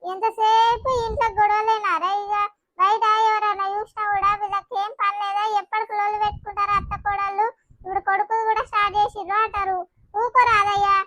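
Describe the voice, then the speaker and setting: A woman's voice: extremely high pitch, little pitch movement, fairly quick, fairly bright tone, no echo, lo-fi sound. A woman voicing a scolding old village mother-in-law with a Telangana accent, nagging in a sing-song way. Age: older.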